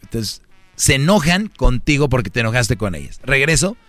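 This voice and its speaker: A man's voice: mid-range voice, sing-song, moderate pace, a bit bright, a little hiss or hum. A man with a Mexican accent, hosting an advice talk show for men and speaking in a brash, slangy, mocking way. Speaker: host giving relationship advice to men.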